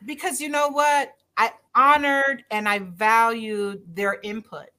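Speaking slowly with a bright, forceful tone, this Barbadian doctor in her middle years talks as a podcast guest. Her voice sits on the high side with fairly even intonation, and she stays earnest and emphatic, circling back to her key phrases in the conversational interview.

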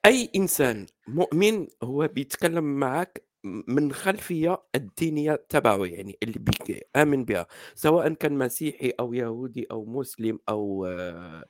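A man's voice: medium pitch, lively intonation, fairly quick, no room sound, studio quality. A man with a Moroccan Arabic accent, talking hesitantly in a casual online debate with many fillers and restarts. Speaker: discussion participant.

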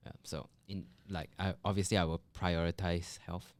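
Deep-voiced man, thoughtful and hesitant. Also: little pitch movement, normal speed, no echo. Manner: thoughtful, hesitant, many restarts. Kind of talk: casual chat among friends.

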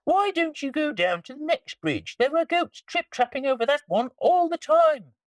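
Woman putting on a tiny anxious critter, very high squeaky voice, pleading, lively. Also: normal speed, no room sound. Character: small anxious furry animals, mouse and rabbit.

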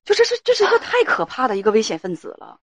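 A woman's voice: a little high, wildly swooping pitch, rapid-fire, lo-fi sound, a crowd in the background. A woman hosting a call-in advice show, speaking firmly and lecturing with rhetorical questions.

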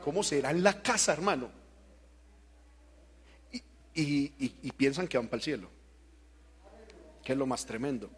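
A man preaching an impassioned evangelical sermon, shifting between loud shouted exhortation and quieter talk, driving points home with rhetorical questions. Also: medium pitch, normal speed, long pauses, breathy edge.

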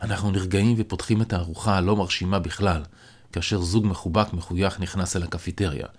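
A man narrating a novel aloud in the first person, in a measured, reflective way. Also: deep voice, fairly even intonation. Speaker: audiobook narrator.

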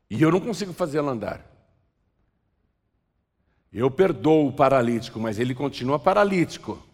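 A man preaching a sermon, joking and acting out a street scene with a volunteer. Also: fairly high pitch. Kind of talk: sermon with live role-play. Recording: long hall reverb.

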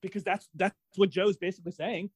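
A man co-hosting a casual TV recap chat, ranting in an animated, exasperated way with many restarts. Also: sits high, fairly quick, slightly rough, no echo, low-quality recording.

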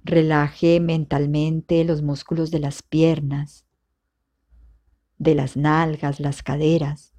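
A woman leading a guided meditation as instructor, giving calm, soothing, measured instructions with long pauses. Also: sits low.

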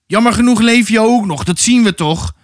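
A man reading aloud, voicing a strong, hot-tempered mason who shouts in indignant anger. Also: high voice, moderate pace, dry recording, clean studio sound, voice pushed up, close to an everyday voice. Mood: furious. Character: burly angry male mason, hot-tempered.

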